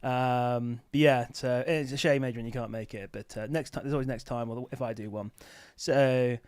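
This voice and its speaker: Answering viewers' questions on online selling, a livestream host chats and rambles casually from an office. He has a medium pitch with fairly even intonation, a moderate pace, and a clear, resonant, slightly mellow tone, recorded dry.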